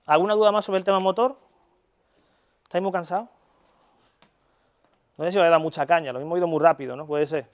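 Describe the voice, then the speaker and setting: A man's voice: on the high side, steady tone, fast talker, long pauses. A young Spanish man giving a university lecture in a casual, chatty way, often checking in with his listeners and swearing in jest. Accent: Spanish (Spain). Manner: casual, chatty, frequent "¿vale?" check-ins. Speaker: neuropsychology lecturer.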